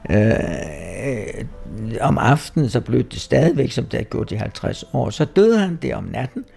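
A man with a deeply gravelly, husky voice tells a story in a measured, hesitant way. Soft music plays faintly behind him. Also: sing-song. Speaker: interviewee. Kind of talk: reflective storytelling.

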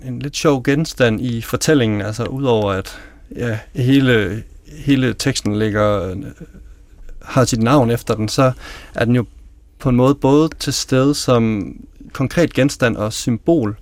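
A male translator talks about a novel in a thoughtful, slightly hesitant way. His voice is mid-pitched and recorded dry in a studio. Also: dry recording. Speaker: translator guest. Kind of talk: radio interview.

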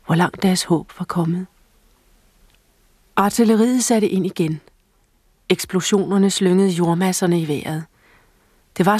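A woman reading a war novel excerpt aloud in a grave, measured documentary tone. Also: on the low side, a little mellow, husky, no room sound, studio quality. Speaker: reader of a book excerpt.

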